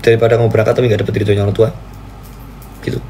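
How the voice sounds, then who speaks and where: A man's voice: flat delivery, racing, warm tone, a little hiss or hum. Playful man on a live stream. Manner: playful, mock-pleading, jumps to squeaky high cries. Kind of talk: casual live-stream chat.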